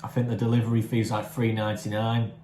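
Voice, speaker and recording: A man casually talking through a takeaway food review for his vlog, chatty and relaxed, sometimes talking with his mouth full. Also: on the low side, fast talker, echoey room, a little hiss or hum. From England, near Chester.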